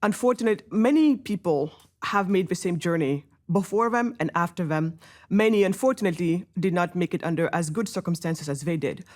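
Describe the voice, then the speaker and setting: A woman's voice: lowish voice, brisk. A woman from Senegal, a guest in an interview, telling her story in a blunt, direct way. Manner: blunt, direct, animated when arguing.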